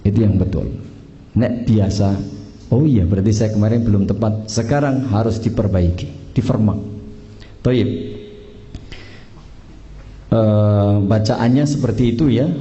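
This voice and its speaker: A man's voice: fairly low pitch, a little slow, pauses often, mellow, lo-fi sound. A man with a Javanese accent teaching a religious class on the call to prayer, joking and teasing his students as he goes. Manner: joking, teasing, mixes local slang into teaching. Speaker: Islamic teacher training imams and muezzins. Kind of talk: casual religious class instruction.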